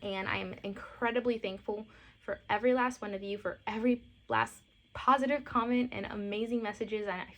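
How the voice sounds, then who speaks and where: Poor audio captures a woman in her late twenties speaking a little fast, with medium pitch and fairly even intonation. Born in Costa Rica and raised in Miami, this lifestyle and mom vlogger gushes to camera, slightly teary and heavy on fillers.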